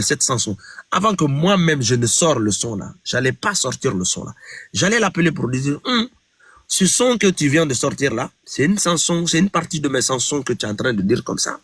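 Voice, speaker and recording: A man's voice: medium pitch, fairly bright tone, breathy edge, no room sound. A man from Guinea, a singer telling an interviewer about a song dispute and replaying each exchange with emphatic repeats. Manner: retells conversations, repeating "j'ai dit", emphatic. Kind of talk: interview storytelling.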